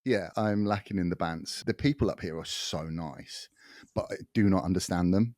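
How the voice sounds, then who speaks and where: A very low-voiced man chatting casually as a podcast co-host. His voice sounds close and dry, and he swears freely, laughing at his own stories as he mimics the people he talks about. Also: normal speed, darkish tone, dry recording. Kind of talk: casual chat. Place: home in the far north of Scotland.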